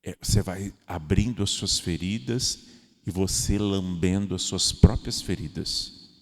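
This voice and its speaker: A man, a parish priest from Brazil, giving a homily with lively, joking delivery and little acted-out voices of everyday people. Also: low-pitched, unhurried, big-room sound.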